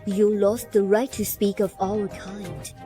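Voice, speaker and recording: A woman's voice: mid-range voice, little pitch movement, takes it slowly, music in the background, close to an everyday voice. A woman voicing a fierce, vengeful demon fighter in an anime story, with a combative, declaiming delivery. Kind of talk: dubbed anime-story dialogue.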